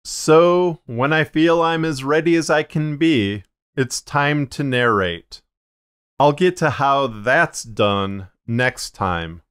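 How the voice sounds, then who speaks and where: A podcast host narrates an explanatory video in a measured, deliberate, plain-spoken manner. His mid-range voice is smooth and a bit bright, yet slightly muddied and limited in range.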